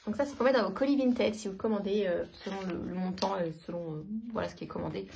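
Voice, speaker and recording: A woman's voice: medium pitch, fairly even intonation, quick pace, creaky, mellow, slight background noise. A woman in her thirties chatting casually through a shopping haul, hesitant with many fillers. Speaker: vlogger. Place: home.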